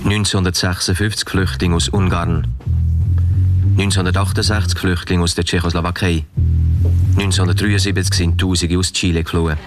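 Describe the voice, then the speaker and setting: A man's voice: low voice, little pitch movement, a little fast. A man narrating an old newsreel clip in a formal, announcing manner. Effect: old newsreel clip played back. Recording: old newsreel soundtrack with music underneath.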